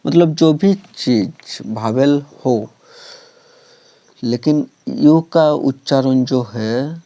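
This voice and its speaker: A man's voice: medium pitch, warm tone, no echo. A man teaching English grammar, explaining step by step, repeating points and often checking whether students have understood. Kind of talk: classroom explanation.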